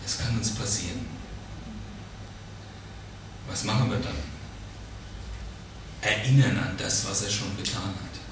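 A man's voice: on the low side, unhurried, pauses often. A man leading a conversational Bible study, often repeating words and checking in with his listeners. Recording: very echoey room, distant mic, faint noise.

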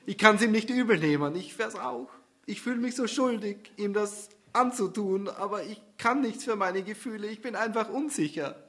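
A man's voice: high voice, normal speed, a bit bright, voice pushed up. A man voicing an anxious young woman who overthinks her relationship and turns tearful. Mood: brooding. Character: anxious, soul-searching young woman in love.

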